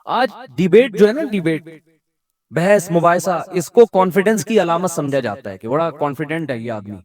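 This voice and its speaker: A man's voice: fairly high pitch, expressive, darkish tone. A man with a Pakistani Urdu accent giving a religious sermon, conversational, acting out the people he quotes. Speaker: Islamic scholar.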